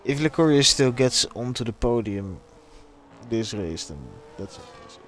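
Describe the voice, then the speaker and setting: A man's voice: mid-range voice, lively intonation, normal speed, a bit bright, slight background noise. A man casually commentating a live sim racing stream and chatting with viewers. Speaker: race commentator.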